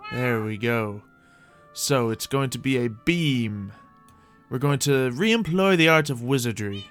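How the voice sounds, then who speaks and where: Hosting a game roleplay on a livestream, a man delivers in-character gameplay commentary that is whimsical and rambling, chatting theatrically with viewers. His voice is medium in pitch with a fairly bright tone.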